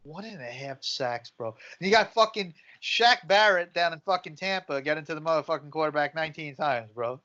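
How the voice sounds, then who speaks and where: A man's voice: a little high, animated, fairly quick, few pauses, sharp tone. Blunt bro-talking man, muffled lo-fi sound. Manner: bro-talk, blunt and profane, like a frat bro. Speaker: sports podcast co-host. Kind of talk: casual sports banter. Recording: muffled lo-fi audio.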